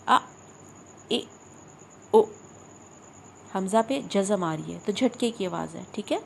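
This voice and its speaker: Woman, tajweed teacher, slow repeated drills, checks in often, middle pitch, faint background noise. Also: expressive, creaky, darkish tone. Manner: slow, careful drilling of letter sounds, repeating each several times; checks in with "okay?" after each point. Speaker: Quran recitation teacher. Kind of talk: tajweed lesson with recited drills.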